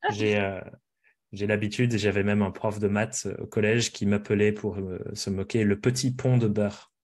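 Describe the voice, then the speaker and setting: A man with an English accent talks as an interview guest. His voice sits low, and he lays out his ideas in a reflective, conversational manner. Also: level tone, moderate pace. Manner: reflective, explanatory. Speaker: podcast guest.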